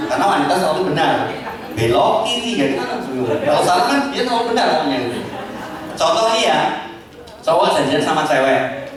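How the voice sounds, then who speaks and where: A man's voice: sits high, noisy background. A man giving a humorous motivational talk to a seminar audience, joking and slipping into acted voices, in a large event hall. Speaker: speaker entertaining a seminar audience. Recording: echoey hall from far off.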